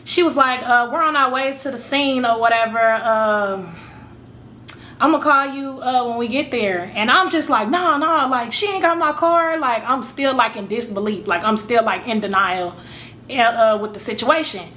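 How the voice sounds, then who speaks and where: Bright-voiced chatty woman telling a story. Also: on the high side, normal speed, slight background noise. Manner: chatty, rambling, addresses viewers as y'all, acts out her own reactions. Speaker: storytime vlogger. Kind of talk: casual storytelling to camera.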